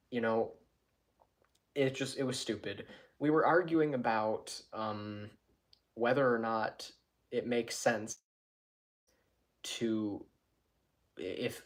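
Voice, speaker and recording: A man talking to his channel from his own room in a loose, rambling vlog chat, often restarting and correcting himself. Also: medium pitch. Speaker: YouTuber.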